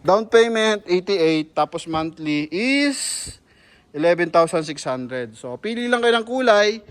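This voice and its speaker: A man with a Filipino accent giving a casual walkaround sales pitch on a car lot, chatting to viewers and calling them "boss". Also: lively intonation, slow, clear, resonant tone. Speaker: used car sales presenter.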